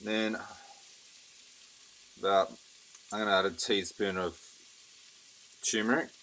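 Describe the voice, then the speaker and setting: Low-voiced man as cooking show host, noisy kitchen. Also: steady tone, slow pace, fairly bright tone. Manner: casual step-by-step commentary while cooking. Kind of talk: casual cooking demonstration narration. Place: indoor kitchen at the stove. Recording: noisy kitchen with sizzling and clicks. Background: frying sizzle, stirring, clicks.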